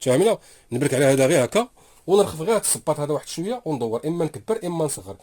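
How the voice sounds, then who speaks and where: A man's voice: a little high, big pitch swings, very fast, dark tone. A man with a Moroccan Arabic accent, demonstrating a sewing machine in his workshop and talking to viewers as he sews. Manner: talks while sewing, repeats "here you go brothers". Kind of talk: casual product demonstration. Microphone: phone camera held close while working.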